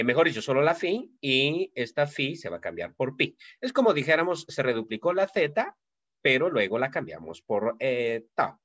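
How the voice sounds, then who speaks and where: Lively-voiced man teaching a class. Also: mid-range voice, no echo, muffled recording. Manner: explanatory, many fillers and checks. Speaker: Greek teacher. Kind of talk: recorded class lecture.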